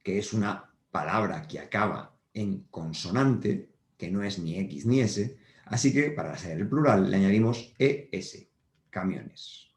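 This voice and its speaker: A male teacher explains grammar at a whiteboard, patient and repetitive, checking that the class follows. His voice sits fairly low. The sound carries a roomy echo. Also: lively intonation, measured pace. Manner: patient, repeats points with frequent check-ins. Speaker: primary school teacher. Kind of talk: whiteboard grammar lesson for children.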